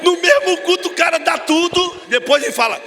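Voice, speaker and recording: A man with a Brazilian accent preaching an animated youth sermon, telling stories and acting out dialogue, moving between shouts and hushed tones. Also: very high voice, a little fast, in a large hall, a crowd in the background. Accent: Brazilian Portuguese. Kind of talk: lively evangelical sermon.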